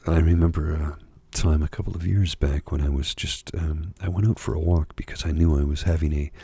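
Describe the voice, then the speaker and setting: A middle-aged or older man with a husky, gravelly voice gives a soft-spoken, confessional ASMR monologue, confiding in a halting, reflective way. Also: very deep voice, steady tone, no echo. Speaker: ASMR host.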